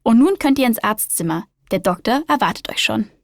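A woman voicing a kind female receptionist at a doctor's office in a children's story, gentle and explaining. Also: a little high, expressive, a little fast, gravelly, no room sound, studio quality. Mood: friendly.

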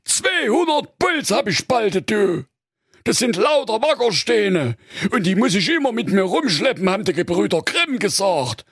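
A man voicing a stressed, foul-mouthed middle-aged huntsman who gripes loudly and hoarsely about orders from above. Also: sits high, very animated, normal speed, no echo, studio quality, pitched above the performer's own voice, heavily acted. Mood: griping. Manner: loud, griping, cursing, husky.

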